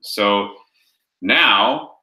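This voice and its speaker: Punchy low-voiced male sales coach. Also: drawn-out words, roomy sound, low-quality recording. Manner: energetic, punchy, keeps asking "right?". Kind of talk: coaching session on a group call.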